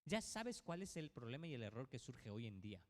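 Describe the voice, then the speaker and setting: A man's voice: mid-range voice, big pitch swings, brisk. A male pastor preaching a sermon to his congregation, asking many rhetorical questions. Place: church. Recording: reverberant church hall.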